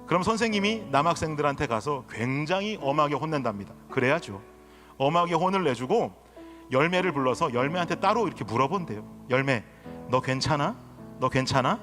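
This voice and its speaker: A man's voice: fairly high pitch, fairly bright tone. A middle-aged man preaching a sermon as pastor, telling stories with feeling and acting out voices. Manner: storytelling, acts out his daughter's and others' voices, rises to emotional pleading. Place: church sanctuary. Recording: reverberant sanctuary with faint guitar.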